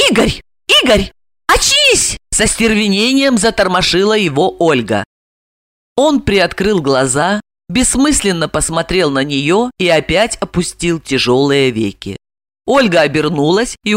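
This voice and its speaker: A woman narrating an audiobook in an expressive storytelling way. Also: lowish voice, dry recording, studio quality. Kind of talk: scripted narration.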